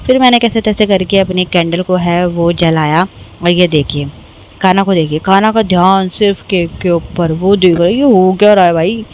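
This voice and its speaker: A woman's voice: lowish voice, normal speed, a little hiss or hum, low-quality recording. A young woman narrating her own family vlog in a casual, chatty voice-over, teasing herself as she tells the story. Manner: chatty, self-mocking, animated storytelling. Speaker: vlogger and mother.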